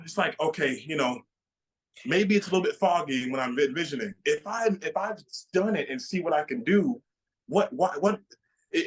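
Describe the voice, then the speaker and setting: Young man, excited, stammering, repeats his words, interview guest. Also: fairly high pitch, poor audio. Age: 20s. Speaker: guest bodybuilder. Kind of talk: casual interview answers.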